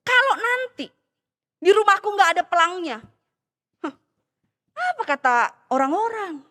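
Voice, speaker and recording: A sly, boastful man, once a minibus driver, played by a woman preacher, with a thick Medan accent. He exclaims loudly and then drops into a hushed, conspiratorial tone, his voice very high and swooping. A long church-hall reverb trails every word. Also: big pitch swings, unhurried, heavily acted.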